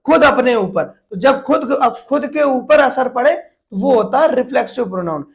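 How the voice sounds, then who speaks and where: A woman's voice: sits high, expressive, normal speed, creaky. A woman teacher explaining a grammar lesson to exam students, repeating points and asking rhetorical questions.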